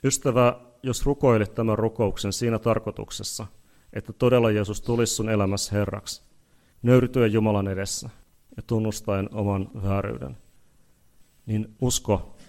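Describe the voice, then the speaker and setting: A man preaching an evangelistic sermon, pleading earnestly with listeners, repeating phrases and building to loud peaks before leading a prayer. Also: lowish voice, fairly even intonation, creaky. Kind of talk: leads a spoken prayer.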